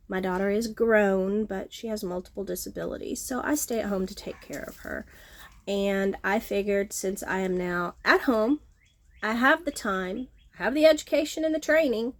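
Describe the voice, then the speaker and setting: A middle-aged woman from the Texas Gulf Coast, a horticulturist and vlogger, talks to the camera outdoors on her home's front porch. Her medium-pitched voice is nasal and sniffly, and she chats casually, pokes fun at herself, and fills pauses with frequent ums.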